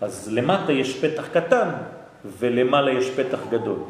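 A man teaching a lecture to a class, lively and often checking that listeners follow. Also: medium pitch, slight background noise. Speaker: Torah teacher. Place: hall with an audience. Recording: echoey hall.

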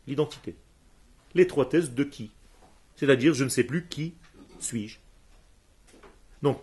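The religious teacher here, raised speaking Hebrew, has a slightly rough voice that runs a little high. He teaches with emphasis, quizzing the room and responding rapidly to his students.

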